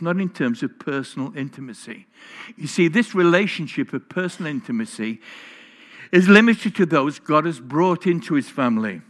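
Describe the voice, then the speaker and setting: A man's voice: medium pitch, a bit bright. Earnest preacher man. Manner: earnest, questioning the listeners directly. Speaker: pastor. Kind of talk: sermon. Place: church.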